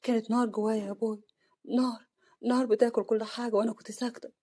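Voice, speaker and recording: A wronged young wife in a spoken family drama, as a woman narrator puts her on, talking fast in a husky, breathy voice. Her voice stays near the narrator's own mid pitch. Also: flat delivery, dark tone. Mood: choked, tearful. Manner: choked, then cold and mocking.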